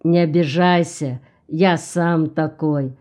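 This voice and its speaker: A woman voicing a mocking, cold older man who speaks slowly and sardonically. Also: deep voice, fairly even intonation, a little mellow. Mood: sardonic.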